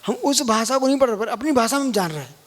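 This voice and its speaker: A man's voice: extremely high pitch, expressive, fast. A man, a Jain monk, giving a live scripture lecture and keep prodding listeners with questions. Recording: long hall reverb.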